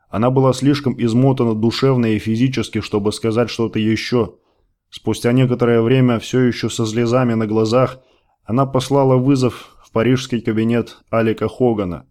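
A man narrating a science fiction novel as an audiobook, in a calm, even storytelling manner. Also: mid-range voice, normal speed. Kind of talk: scripted narration.

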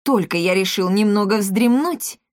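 A woman's voice: mid-range voice, moderate pace, dry recording, studio quality, natural voice. A woman voicing an indignant, sleepy male merchant who grumbles and mutters. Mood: grumbling.

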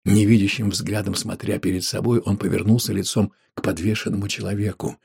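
A man narrating an audiobook in a measured, grave way. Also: fairly low pitch, little pitch movement, gravelly, a little mellow, breathy edge.

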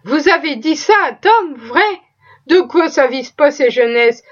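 A woman's voice: high voice, expressive, a little slow. A woman voicing a proud, chatty cook. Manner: talkative, exclaiming, folksy. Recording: slightly dull lo-fi recording.

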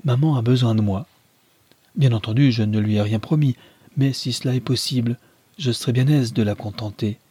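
A man's voice: mid-range voice, moderate pace, dark tone, breathy edge, no room sound, lightly acted. A man reading a novel aloud, voicing an attentive young husband who questions and coaxes his wife. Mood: coaxing. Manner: questioning, coaxing.

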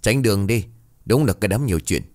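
A man's voice: fairly low pitch, lively intonation, fast talker, a little mellow, no room sound, clean studio sound, natural voice. A man voicing a drunk, callous husband who talks in a rude, dismissive snarl in a storybook tale. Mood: scornful.

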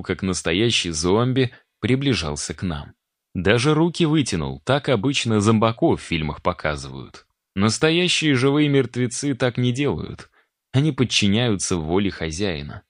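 A man's voice: on the low side, dry recording, clean studio sound. A man narrating a first-person fantasy audiobook in a wry, conversational way.

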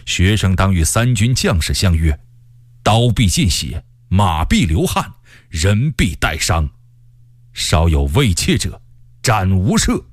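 A man's voice: on the low side, no echo, clean studio sound, heavily acted. A man voicing a proud, stubborn male army commander who speaks in a stern, scornful way. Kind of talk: storytelling character voice.

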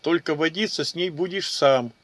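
A man's voice: fairly high pitch, moderate pace, dry recording, close to an everyday voice. Audiobook casting: a man doing a dry, sardonic mage commander. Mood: casual. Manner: dry, mocking. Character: cool, mocking male battle mage, commander.

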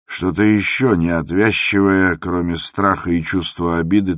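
A man narrating a literary drama in a measured, grave manner. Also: deep voice, dry recording, studio quality.

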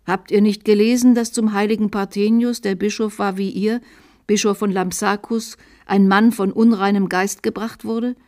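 A stern, zealous priest with a sawing voice, as a woman reads him aloud. He speaks gravely and insistently, pressing each warning home. It sounds like a storybook reading for radio. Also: medium pitch, steady tone, normal speed, darkish tone, lightly acted.

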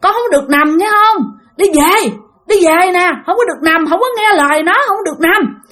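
A woman's voice: very high voice, moderate pace, a bit bright, pitched above the performer's own voice. A woman voicing a very old man who urgently scolds and calls a girl home. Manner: urgent, scolding, repeated commands.

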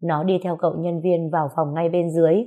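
A woman narrating a story in a calm, measured way. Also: fairly low pitch, narrow, tinny audio.

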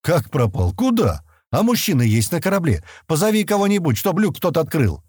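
A man's voice: on the high side, big pitch swings, a little fast, a little mellow, husky, dry recording, pitched above the performer's own voice. A man playing a grumpy, impatient male space explorer who grumbles, mocks and speaks curtly, in a dry, close recording. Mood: brusque. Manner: grumbling, mocking, curt.

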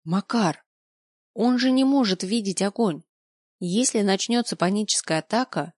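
A woman's voice: medium pitch, a little mellow, no room sound, studio quality. Dramatic woman reading an audiobook. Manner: emotional, dramatic first-person reading. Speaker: audiobook narrator. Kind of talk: audiobook narration.

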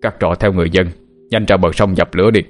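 A man voicing an elderly male abbot who gives calm, firm orders. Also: deep voice, quick pace, soft background music, natural voice. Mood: commanding. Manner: firm, commanding.

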